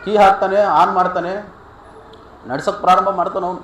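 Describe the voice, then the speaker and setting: A man's voice: sits high, steady tone, fairly quick, fairly bright tone. A male pastor preaching a storytelling sermon to a congregation in a church, emphatic and repeating key phrases, often asking the people questions. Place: church hall. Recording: echoey church hall, faint background noise.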